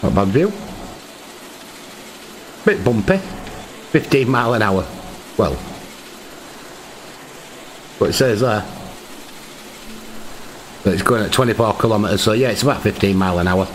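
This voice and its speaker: A man's voice: lowish voice, animated, measured pace, long pauses, slight background noise. Chatty man playing a farming game. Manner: chatty, talks to himself while playing. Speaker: gaming channel host. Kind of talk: casual gameplay commentary.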